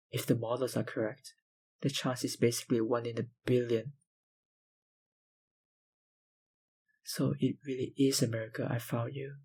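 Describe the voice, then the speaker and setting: In an ASMR roleplay delivered as a dramatic monologue, a male actor plays a possessive, powerful vampire kidnapper. His mid-range voice is a little mellow, breathy and husky, his manner dominant and condescending, and he sounds obsessive as he explains.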